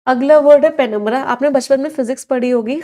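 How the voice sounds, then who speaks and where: A woman's voice: high voice, fast talker, mellow. A woman teaching English vocabulary in an online exam-prep lesson, explaining words in Hindi mixed with English and asking her students questions.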